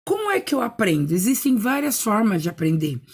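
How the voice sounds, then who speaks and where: A woman's voice: a little high, sing-song, fairly quick, a little mellow, husky. A woman teacher explaining a lesson in an educational video, asking rhetorical questions and sounding out words syllable by syllable. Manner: asks rhetorical questions and answers them.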